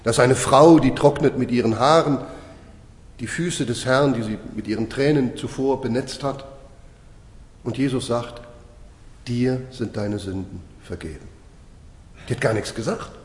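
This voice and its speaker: Emphatic preacher in an echoing hall. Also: male voice, mid-range voice. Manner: emphatic, slowing for stress, asks the listeners rhetorical questions. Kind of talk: sermon. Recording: echoey hall with long reverb.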